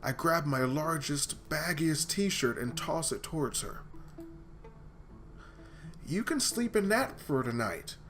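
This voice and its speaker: A man reading a visual novel aloud for his gaming channel, voicing the lines dramatically and breaking off for joking asides. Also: medium pitch.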